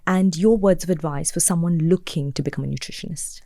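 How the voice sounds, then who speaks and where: A woman's voice: fairly low pitch, a little fast, mellow, no echo, clean studio sound. A woman hosting a podcast interview, chatting casually and encouraging her guest. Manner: encouraging, affirming. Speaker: podcast host.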